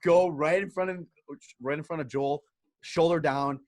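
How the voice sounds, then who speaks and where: A man with a Chicago accent, a podcast co-host telling a hockey story in casual chat, animated and swearing. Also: a little high, moderate pace, no room sound.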